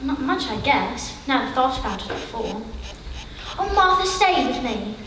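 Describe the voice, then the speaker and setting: A woman's voice: high-pitched, big pitch swings, moderate pace, a bit bright, slight background noise. A woman playing a lonely, sulky young girl with a wistful way of talking, in a live stage play. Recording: echoey theater, mic far off.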